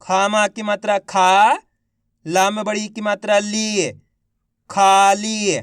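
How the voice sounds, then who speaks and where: A man teaching children to read, sounding out each syllable slowly and then drawing out the whole word, while encouraging his viewers. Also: high voice, flat delivery, clear, resonant tone, no room sound, studio quality. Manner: encouraging, addresses viewers as friends. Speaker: Hindi reading teacher. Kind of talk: online reading lesson.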